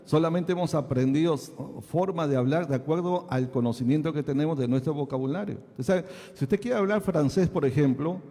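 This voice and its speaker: Male pastor, sermon teaching, mellow voice, somewhat high, checks in with listeners often, long hall reverb. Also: fairly quick, hardly any pauses. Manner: asks the congregation many checking questions.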